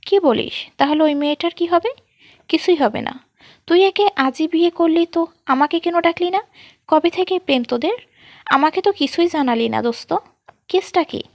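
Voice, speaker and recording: A woman voicing a loud, excitable young woman friend who jokes and teases in rural dialect slang. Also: extremely high pitch, no room sound. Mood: curious. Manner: rapid joking rural-dialect banter.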